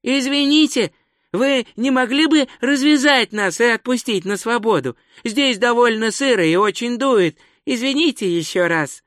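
A man's voice: extremely high pitch, measured pace, a bit bright, dry recording, studio quality, pitched above the performer's own voice. A man voicing Twoflower, a meek, polite little male tourist who speaks naively and carefully in a storybook reading.

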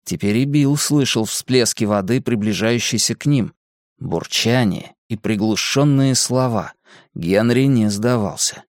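A man narrating an audiobook in a steady, measured reading voice. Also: mid-range voice, no echo, clean studio sound.

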